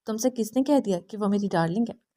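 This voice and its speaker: A woman's voice: mid-range voice, dark tone, natural voice. A woman doing a smug, scheming young man. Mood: smug teasing.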